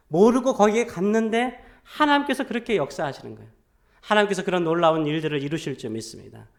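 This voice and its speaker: A male pastor preaching a sermon, telling a story and asking the congregation frequent questions. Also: sits high.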